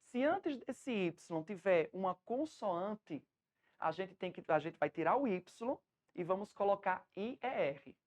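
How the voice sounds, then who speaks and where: A woman's voice: mid-range voice, expressive, takes it slowly, a little mellow. A woman with a Brazilian Portuguese accent, an English teacher giving a patient, step-by-step lesson to a class at home, checking often that students follow.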